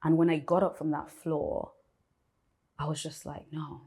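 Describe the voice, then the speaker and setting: A woman's voice: sits low, level tone, normal speed, dark tone, slightly rough. A woman in her thirties, a guest sharing her personal testimony in a candid, reflective way with light laughs between thoughts.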